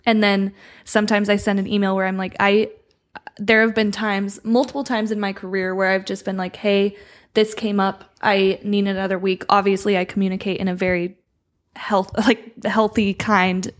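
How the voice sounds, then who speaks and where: A woman's voice: medium pitch, flat delivery, moderate pace. A woman co-hosting a podcast, talking in a reflective, earnest way and breaking into light laughs. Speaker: podcast co-host. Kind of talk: casual podcast chat.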